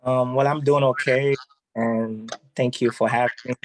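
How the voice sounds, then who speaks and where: A man's voice: mid-range voice, little pitch movement, normal speed, dry recording, low-quality recording. A man from Haiti, an educator being interviewed, who talks hesitantly with many ums.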